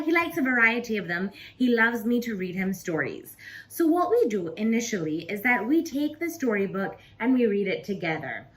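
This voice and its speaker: A woman's voice: mid-range voice, bright, forceful tone. A woman in her thirties hosting a casual to-camera tutorial, chatting directly to her viewers. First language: English. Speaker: channel host teaching English.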